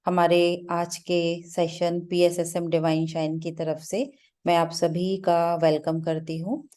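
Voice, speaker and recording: Giving a spiritual talk as a meditation teacher, a woman speaks slowly in a fairly low, dark, level-toned voice. She hunts for her words with many restarts and fillers, blending English terms into her speech.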